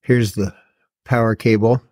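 Speaking from an indoor garage workshop, this middle-aged or older man has a fairly low, somewhat dark voice and a steady tone at a measured pace. He hosts the video with a relaxed, matter-of-fact product walkthrough, plain-spoken and a touch wry.

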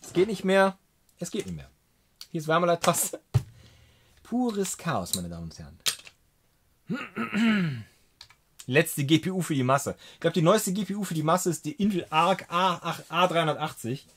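Animated, joking male streamer. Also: fairly high pitch, moderate pace, long pauses, breathy edge. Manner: joking, animated, sprinkles in English phrases; reads out and thanks viewers' chat messages. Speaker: livestreamer. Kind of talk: casual livestream chat while tinkering with PC hardware.

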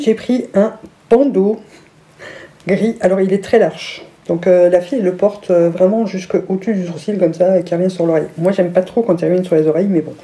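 A woman's voice: on the low side, warm tone. A woman vlogger chatting casually through a haul review, gushing with enthusiasm over each item.

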